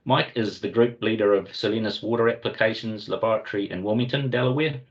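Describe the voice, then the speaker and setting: A man with a New Zealand Kiwi accent hosting a webinar, giving a formal, measured corporate introduction. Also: fairly low pitch, fairly even intonation. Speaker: webinar host and company commercial lead. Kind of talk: semi-scripted corporate presentation introduction. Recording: dull, lo-fi online meeting audio.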